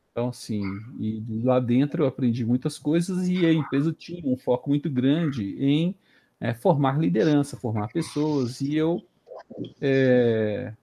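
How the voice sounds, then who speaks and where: Interview guest: male, late 40s, Brazilian Portuguese accent, relaxed dark tone, halting conversational storytelling. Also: medium pitch. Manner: hesitant, repeats words while thinking. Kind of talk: casual career storytelling.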